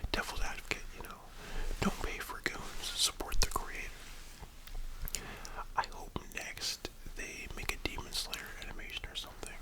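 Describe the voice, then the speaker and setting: Breathy library whisper, rambling ASMR host. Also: moderate pace, rough recording. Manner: rambling, casual, opinionated.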